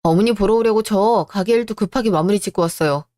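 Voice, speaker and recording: A woman's voice: medium pitch, fast, mellow, dry recording, studio quality, close to an everyday voice. A woman voicing a resentful, hardworking younger son who speaks bluntly to his family. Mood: bitter. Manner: bitter, blunt.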